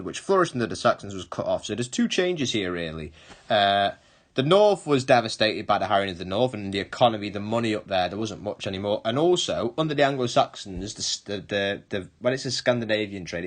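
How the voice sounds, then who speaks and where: Guy teaching history to camera, lowish voice, walks through it step by step, fixes his own slips. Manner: explains step by step, rephrases and corrects himself. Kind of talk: recorded online lesson.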